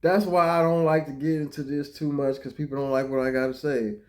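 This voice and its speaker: A man doing reaction commentary on clips, talking casually with profanity and swinging between low mutters and loud outbursts. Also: fairly even intonation, fairly quick.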